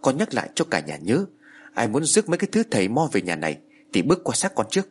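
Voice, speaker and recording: A man's voice: mid-range voice, wildly swooping pitch, quick pace, breathy edge, exaggerated voice. A man voicing a stubborn middle-aged man who scorns fortune-tellers, speaking curtly in a storybook tale. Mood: angry. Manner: curt, forceful.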